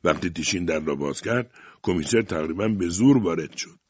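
A man reading an audiobook aloud, narrating in a measured, calm manner. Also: sits low, breathy edge, dry recording, dull audio.

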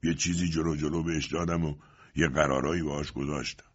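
A man voicing an old merchant father who talks in a low, heavy, resigned way, in an audiobook. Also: breathy edge, muffled recording, exaggerated voice. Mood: despairing. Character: old weary merchant father, despairing and quiet.

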